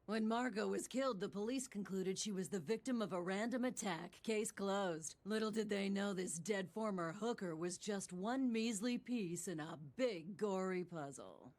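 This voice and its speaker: A woman's voice: medium pitch, normal speed, hardly any pauses, darkish tone, natural voice. A woman playing a brazen, scheming middle-aged blackmailer in a dramatic anime dub, with a brassy, taunting delivery. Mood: smug, reminiscing.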